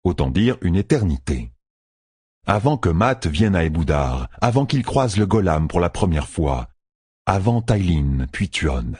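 A man narrating an audiobook in an expressive, measured way, recorded close and dry. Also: low voice, breathy edge, no echo.

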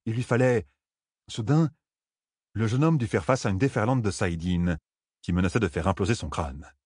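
A man reading a fantasy audiobook aloud with measured, dramatic delivery. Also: lowish voice, darkish tone, slightly rough, dry recording, clean studio sound. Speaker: audiobook narrator.

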